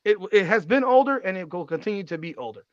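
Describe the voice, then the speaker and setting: A man in his forties hosts a casual podcast in a high-pitched, expressive voice, speaking fast and dropping swear words freely as he repeats himself for emphasis. The audio has no room sound and is dull and slightly lo-fi.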